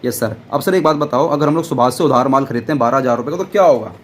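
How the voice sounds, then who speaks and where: A man teaching an accounts class, loud and playful, often answering his own questions in a student's voice. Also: mid-range voice, very fast, a little hiss or hum. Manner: loud, almost shouting while teaching. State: dry throat. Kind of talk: classroom lecture.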